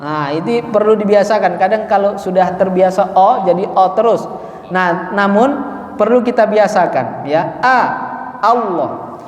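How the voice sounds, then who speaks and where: A man's voice: high-pitched, normal speed. A male religious teacher giving a Quran reading lesson to a live audience, drilling pronunciation by repeating single sounds and asking listeners to repeat after him. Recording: echoey hall with long reverb.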